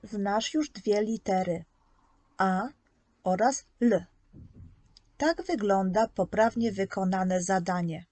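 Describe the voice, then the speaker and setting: A woman teaches preschoolers in an unhurried, patient voice, sounding out each letter with care. Her mid-range voice is recorded close and dry, with no room around it. She speaks as if guiding small children step by step. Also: medium pitch, a little mellow, dry recording. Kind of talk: slow, scripted lesson narration.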